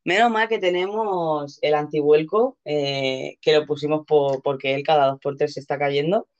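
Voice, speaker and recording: A woman's voice: sits low, steady tone, moderate pace, a little mellow. A woman with a Castilian Spanish accent hosting a casual live show, chatty, playful and given to exclamations. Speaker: host. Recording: dull, lo-fi audio.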